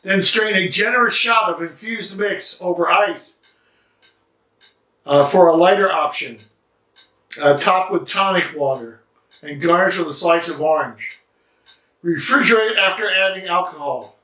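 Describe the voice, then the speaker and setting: A man's voice: sits high, pushed and bright. Man talking in a strong room echo. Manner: halting, chatty, many fillers. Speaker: cigar and drink reviewer. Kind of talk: casual vlog review. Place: indoor study. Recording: echoey room, mic at a distance.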